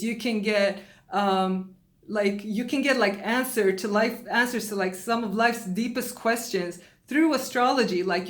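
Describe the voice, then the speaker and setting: A woman who grew up in Sweden, an astrologer, talking casually to camera from her home, with many fillers and restarts. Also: mid-range voice. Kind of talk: casual vlog talk to camera.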